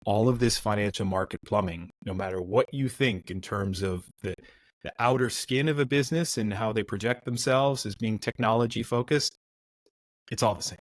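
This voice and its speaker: There's no room sound as a middle-aged man with an American accent, from the United States, speaks at normal speed in a voice on the low side. He's a relaxed podcast guest sharing career stories, with frequent restarts.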